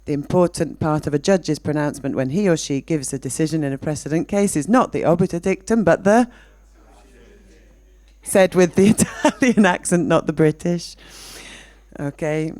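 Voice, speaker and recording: A man's voice: a little high, darkish tone, no room sound. A man teaching English who reads exercise text aloud to his class and checks in with them. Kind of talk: classroom instruction.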